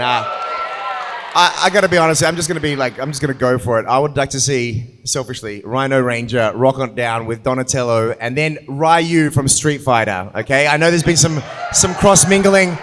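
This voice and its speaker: A man's voice: mid-range voice, normal speed, a bit bright. A man hosting a convention panel off the cuff, jokey and rambling, recorded in an echoey hall. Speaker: panel host and fellow actor. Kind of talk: unscripted convention panel moderating. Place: large indoor convention panel room. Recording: echoey hall, faint noise.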